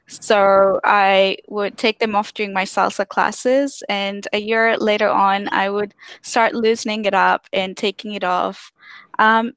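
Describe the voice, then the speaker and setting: A woman's voice: mid-range voice, fairly bright tone, smooth, dry recording. Young woman from Tanzania, earnest testimony over a video call, dry close sound. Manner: earnest, many fillers and restarts. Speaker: activist speaker on a live stream. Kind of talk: personal testimony on a live stream.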